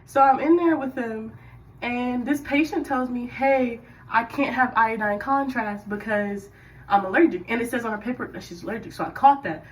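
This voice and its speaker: A young woman in the military telling a casual work story while doing her hair, chatty and animated with sudden loud bursts. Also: on the high side, moderate pace, recorded from a distance, low-quality recording.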